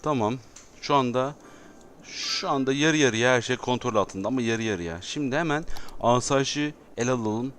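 A man's voice: mid-range voice, normal speed, fairly bright tone, soft background music. Exasperated Turkish man commentating a game. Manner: exasperated, dramatic outbursts, repeats phrases. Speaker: gameplay commentator. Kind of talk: excitable gameplay commentary.

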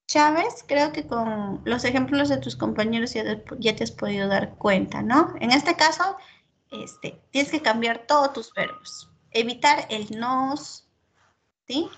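A woman teacher, giving feedback in an online class and checking in constantly with her student between filler pauses. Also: on the high side, fairly bright tone, slight background noise.

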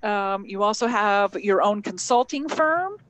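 A woman hosts a live stream in a chatty, easygoing way. She fills pauses with ums and circles back to correct herself. A faint hum of room ambience sits under her mid-pitched voice. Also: expressive, a bit bright, rough recording. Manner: chatty, with frequent ums and restarts. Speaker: host. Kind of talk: live-streamed interview introduction.

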